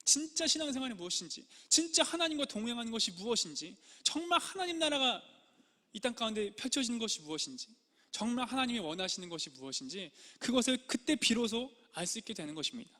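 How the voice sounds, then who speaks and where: A young man preaching in a church sanctuary, with a strikingly high, bright voice. He speaks with earnest conviction and slips into the prayers and pleas he quotes. A long reverb trails each phrase through the hall. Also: big pitch swings, quick pace. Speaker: pastor. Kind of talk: sermon.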